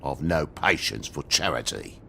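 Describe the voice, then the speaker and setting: An actor voicing a grumpy, indignant talking toad with a British accent in a video game, griping and sarcastic. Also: male voice, extremely low pitch, expressive, measured pace, vocal fry, pushed and bright, slight background noise, exaggerated voice. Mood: bitter, angry. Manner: griping, sarcastic, foul-mouthed.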